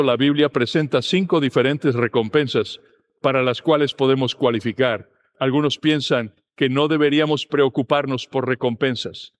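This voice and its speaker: Man, preacher, earnest sermon, steady teaching delivery, mid-pitched voice.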